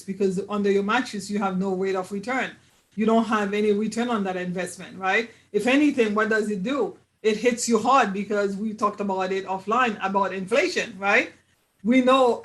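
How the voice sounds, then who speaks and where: A man's voice: high-pitched, a bit bright. A man hosting a casual live chat about money, who talks emphatically and keeps checking agreement with "right?". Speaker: host of money talk show. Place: live online video chat.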